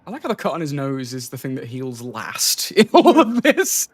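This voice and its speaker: A speaker chatting casually during a watch party, making joking deadpan asides. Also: medium pitch, normal speed. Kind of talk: casual chat.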